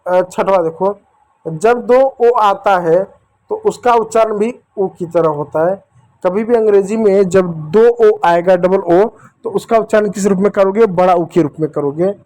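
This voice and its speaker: Guy teaching kids phonics, high voice, spells out every sound slow and repeats stuff. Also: a little mellow. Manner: slow, repetitive, drills each letter sound step by step. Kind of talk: phonics lesson at a whiteboard.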